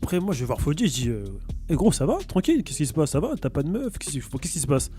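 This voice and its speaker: A man tells friends a story in a casual chat, acting out the people in it with lively swings in pitch. His voice sits high for a man. Faint music plays behind him. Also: quick pace. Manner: lively, acts out quoted lines.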